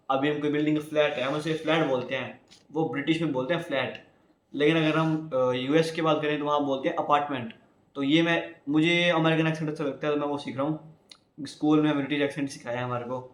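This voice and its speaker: A young man from India chats on about himself in a loose, rambling way, often turning to his viewers. His voice sits a little high for a man. The room around him rings with echo. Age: young adult. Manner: chatty, rambling, addresses viewers as guys. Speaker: YouTuber. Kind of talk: casual vlog talk.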